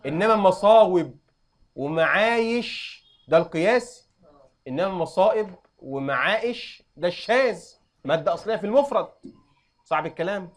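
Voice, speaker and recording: A young adult man with an Egyptian accent, teaching an Arabic grammar lesson and quizzing students with quick questions. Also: high voice, expressive. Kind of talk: classroom lesson.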